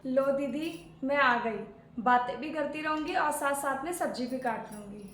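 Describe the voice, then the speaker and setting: A woman playing a polite, quiet, dutiful young daughter-in-law who speaks softly in a family skit. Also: high-pitched, moderate pace, a little hiss or hum. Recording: echoey room.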